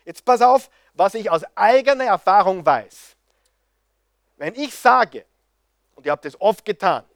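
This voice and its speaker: A man's voice: high-pitched, no room sound, studio quality. A man preaching a sermon, impassioned and firing rhetorical questions at his audience.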